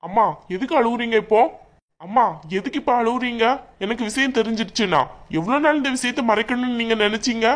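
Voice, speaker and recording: A woman's voice: on the high side, fairly quick, lightly acted. A woman voicing an angry young married man in a cartoon, demanding answers from his mother. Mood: furious. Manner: shouting, demanding. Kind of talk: cartoon voice acting.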